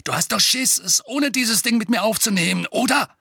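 A man voicing a big, boastful teenage bully who taunts his cousin in a high, loud voice. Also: sing-song, slow pace, no echo, clean studio sound, exaggerated voice. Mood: taunting.

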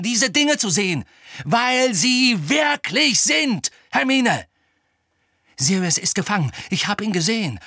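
A man reading an audiobook and voicing an angry, desperate teenage boy wizard who shouts. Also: very high-pitched, no echo, studio quality, pitched above the performer's own voice, heavily acted. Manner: shouting, urgent. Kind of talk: audiobook character voice.

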